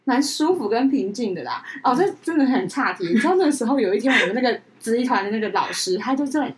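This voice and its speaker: A woman's voice: a little high, animated, quick pace, background noise. A woman co-hosting a podcast who chats casually and rambles through anecdotes. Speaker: podcast co-host. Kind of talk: casual chat.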